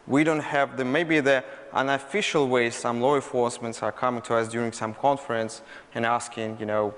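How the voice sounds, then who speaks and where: A man at a conference lectern fields questions from the floor, stopping and restarting often and leaning on fillers. His voice sits at an ordinary pitch. The big hall rings behind each phrase with long reverb. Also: fairly bright tone. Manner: halting, filler-heavy. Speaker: conference presenter. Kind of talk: answering audience questions.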